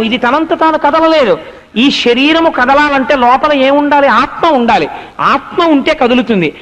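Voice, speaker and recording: A man's voice: very high-pitched, fairly bright tone. A man giving a storytelling religious discourse, putting rhetorical questions to his listeners. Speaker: spiritual discourse speaker. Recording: long hall reverb.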